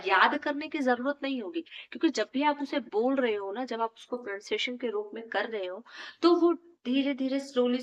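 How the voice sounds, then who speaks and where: A woman's voice: fairly high pitch, fairly bright tone, dull audio. A woman teaching English in a casual spoken lesson, switching between Hindi and English and often checking in with a questioning "hmm?".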